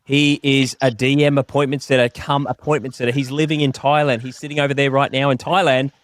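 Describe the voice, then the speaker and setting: A man's voice: mid-range voice, little pitch movement, a little fast. A man from Tasmania hosting a podcast interview in an upbeat, joking manner. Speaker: podcast host.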